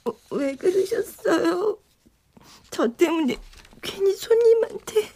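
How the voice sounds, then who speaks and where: A woman's voice: very high-pitched, lively intonation, mellow, exaggerated voice. A woman playing a tearful young music student. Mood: shy, calming down. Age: 20s. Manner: sobbing, halting speech. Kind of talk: radio drama acting.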